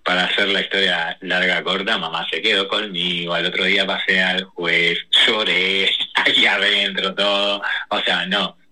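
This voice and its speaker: A man, a guest telling personal stories in a lively, slangy way with many restarts. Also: low voice, rough recording. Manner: animated, rushes through stories with slang and restarts. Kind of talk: casual personal storytelling.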